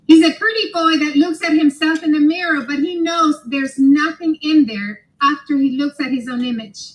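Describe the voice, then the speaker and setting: High voiced woman doing a commentary video, articulate, firm, kinda judgy. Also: fairly even intonation, normal speed, low-quality recording. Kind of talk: social media commentary, composed monologue.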